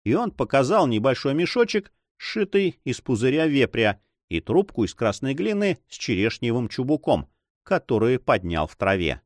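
A man reading an adventure novel aloud as narrator, in an expressive storytelling manner. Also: mid-range voice, moderate pace, dry recording, studio quality. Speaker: audiobook narrator. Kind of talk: scripted narration.

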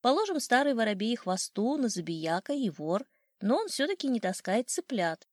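Woman doing a pompous rooster, loud, dry close voice. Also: fairly high pitch, sing-song, normal speed, no room sound. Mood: smug. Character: proud loud farmyard rooster, male.

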